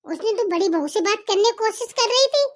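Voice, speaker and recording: A woman's voice: extremely high pitch, lively intonation, fast talker. A woman voicing a harsh, scolding mother-in-law in a home-made family drama, talking in a taunting, commanding way.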